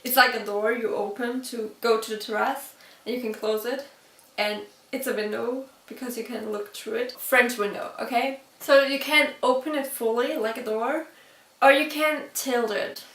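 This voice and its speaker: A woman telling a childhood story to camera in a chatty, laughing way, pausing to check her own pronunciation. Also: fairly high pitch, steady tone, fairly bright tone. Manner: chatty, laughs often between sentences. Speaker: vlogger. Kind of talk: storytime vlog. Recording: roomy echo from a distance.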